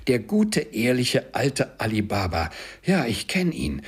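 A man voicing a miserly old man in an audiobook, swinging between excited cries and hushed sorrow. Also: lowish voice, unhurried, breathy edge, exaggerated voice. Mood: delighted.

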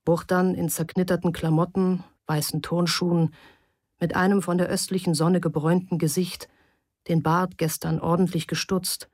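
A woman with a low voice reads a story aloud as narrator, calm and measured. The sound is dry and close, with no echo around her. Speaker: audiobook narrator. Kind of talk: scripted narration.

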